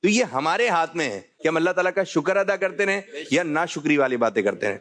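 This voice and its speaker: A man's voice: fairly high pitch, lively intonation, fairly bright tone. A man hosting a religious talk show, jovial, often repeating his key phrases. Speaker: host.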